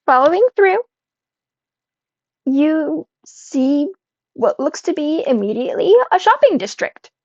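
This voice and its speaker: A woman's voice: high-pitched, big pitch swings, a little slow, a little mellow, no room sound, muffled recording. A woman running a tabletop game as game master, talking casually and bluntly. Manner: casual, unbothered, profane. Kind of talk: narrating a tabletop game over voice chat.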